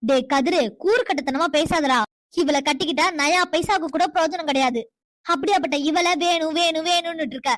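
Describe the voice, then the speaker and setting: A high, quick-talking cartoon mother, as a woman plays her, bossy and scheming, scolding her grown son in a commanding tone. The recording is dry and close. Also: no echo. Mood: domineering. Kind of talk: cartoon voice acting.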